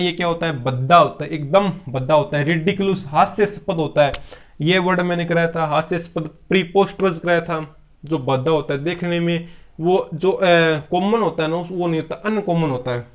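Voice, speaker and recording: Man, vocabulary teacher, classroom-style lesson, asks and answers his own questions, slightly high voice. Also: a bit bright. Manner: repeats questions and answers them himself; mixes English words into explanations.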